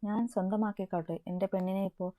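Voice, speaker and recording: A woman's voice: mid-range voice, level tone, quick pace, mellow, dry recording, natural voice. A woman voicing a playful, teasing young man in love from a romance story she reads aloud.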